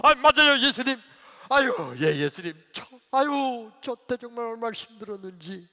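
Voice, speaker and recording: A man's voice: high voice, moderate pace, fairly bright tone, voice pushed up. A man voicing a distraught church deacon who wails and complains to Jesus about past hardships. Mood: lamenting. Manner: wailing, complaining, protesting. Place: church sanctuary. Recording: reverberant church hall.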